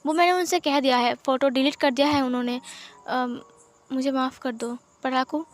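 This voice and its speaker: A woman voicing a lively, talkative young man in a storybook reading, teasing and pleading by turns. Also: high-pitched, normal speed, lightly acted. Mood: apologetic.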